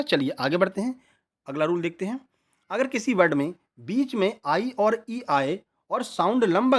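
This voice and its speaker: A man with a high voice teaches an online exam prep lesson. He spells out words letter by letter and frequently checks in with his listeners.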